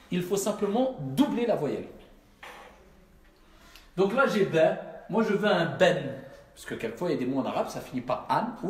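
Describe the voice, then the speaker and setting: A man's voice: on the high side, darkish tone. A man teaching a class, patient and repetitive, often checking that his students have understood. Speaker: Arabic teacher. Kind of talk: classroom lesson. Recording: echoey room.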